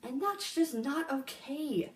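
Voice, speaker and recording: A woman's voice: sits high, animated, takes it slowly. Young woman vlogging, chatty and earnest, lots of likes and ums, roomy echo. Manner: chatty, filler-heavy, earnest. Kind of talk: casual vlog monologue. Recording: echoey room.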